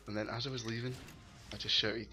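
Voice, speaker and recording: Give me a Scottish man with a bright, tense voice, chatting casually and swearing as he tells a story. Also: on the low side, level tone, fairly quick. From Scotland. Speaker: gaming channel co-host. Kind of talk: casual gaming chat.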